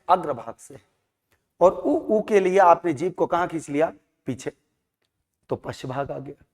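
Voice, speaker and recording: A man teaching a lesson, repeating sounds aloud and asking questions he then answers himself. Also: high voice. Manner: drills sounds by repetition, asks and answers own questions. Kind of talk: classroom lecture. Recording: long hall reverb.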